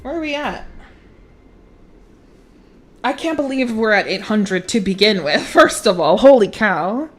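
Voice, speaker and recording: Standing at her home streaming setup, a woman livestreamer chats casually, swearing freely and often breaking into laughter. Her medium-pitched voice is animated but a little slow, with long pauses.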